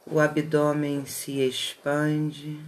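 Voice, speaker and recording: A guide leading a relaxation meditation in a soothing, unhurried manner, with short phrases and long pauses. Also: mid-range voice, monotone. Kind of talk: slow guided meditation narration.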